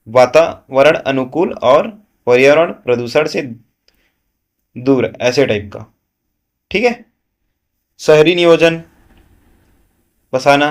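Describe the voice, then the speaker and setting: A medium-pitched man teaches a current affairs lesson to exam students, posing questions and then answering them himself. He frequently checks in with "है ना."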